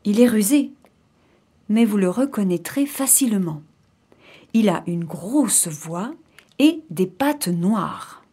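A woman voicing a caring old mother goat in a storybook reading, speaking gently and slowly, bleating when she calls. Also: medium pitch, expressive, breathy edge.

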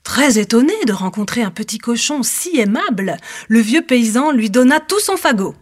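A woman's voice: on the high side, lively intonation, normal speed. Woman reading a children's story. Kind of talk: scripted story narration for children.

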